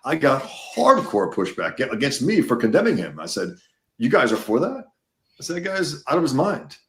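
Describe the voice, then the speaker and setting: A man's voice: medium pitch, wildly swooping pitch, normal speed, reverberant, slight background noise. A man from the United States, a guest in a casual conversation, talking emphatically and repeating words as he gets worked up.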